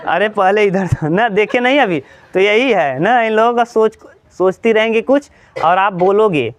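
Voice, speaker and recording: A man teaching a class in a relaxed lecture style, often asking questions and answering them himself. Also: high voice, normal speed, a faint crowd.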